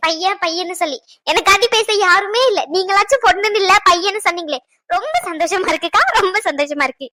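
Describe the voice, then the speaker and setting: A chatty young cartoon daughter-in-law , voiced by a woman, apologizes and explains on the phone. Her voice is very high, her talk eager and polite. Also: bright, forceful tone, no room sound. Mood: cheerful. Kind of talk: cartoon voice acting.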